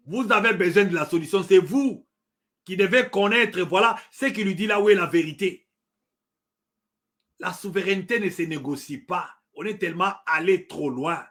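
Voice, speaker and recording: A middle-aged man from the Democratic Republic of the Congo, speaking with a Congolese French accent, gives heated political commentary at a normal speed. His voice sits high and sounds fairly bright. He stresses his points forcefully, repeats them, and hesitates with filler words.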